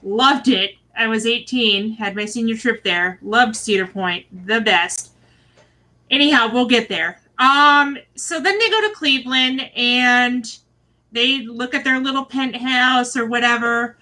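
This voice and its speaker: A woman's voice: on the high side, a little slow, pushed and bright, rough recording. A woman from Michigan giving a chatty, rambling recap of a reality show, full of fillers and asides. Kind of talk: casual spoken recap. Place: at home with her husband nearby.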